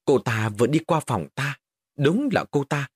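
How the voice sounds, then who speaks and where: A man's voice: medium pitch, expressive, moderate pace, breathy edge, no echo, clean studio sound. A man voicing a terrified, guilt-ridden elder brother, pleading in a panicked voice.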